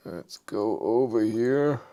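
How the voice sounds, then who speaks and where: A livestream host with a German accent answers viewers in a casual live chat, hesitant and low-key, using many fillers and putting himself down. His voice is dark, with lively intonation, and he speaks slowly.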